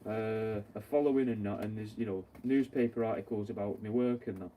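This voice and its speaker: Swearing a lot and rambling bluntly, a young man chats casually while doing taxidermy work. His voice is fairly low and brisk. A distant mic picks him up with faint background noise, and the sound is narrow and tinny.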